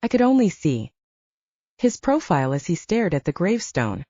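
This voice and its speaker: A woman narrates an audiobook in the first person with a mellow, slightly low voice, her intonation lively and varied at a moderate pace. The recording is very dry and a little dull, with no room sound.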